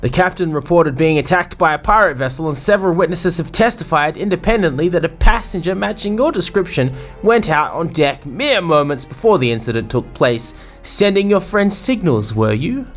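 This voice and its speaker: A man's voice: fairly high pitch, animated, normal speed, hardly any pauses, faint music behind, pitched above the performer's own voice, natural voice. A man voicing a stern, suspicious male harbor officer who speaks formally and accusingly.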